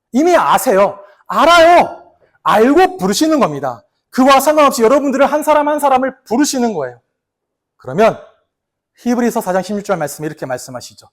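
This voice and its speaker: A man, a pastor, preaching a sermon with earnest rhetorical questions, dropping to a soft, quiet voice for the quoted words. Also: very high-pitched.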